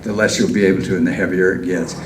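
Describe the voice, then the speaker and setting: A man with a lowish voice hosts a live stage hypnosis show. He coaxes volunteers through suggestive instructions, step by step. The sound is distant and echoey, with clear background noise. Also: fairly even intonation, very fast. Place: large echoey indoor venue with audience. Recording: echoey hall from far off, noisy background.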